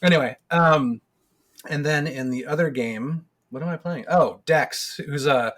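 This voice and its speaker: A man's voice: fairly high pitch, unhurried, a bit bright. A man in his forties co-hosting a podcast, rambling casually, laughing easily and swearing now and then. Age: 40s. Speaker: podcast co-host.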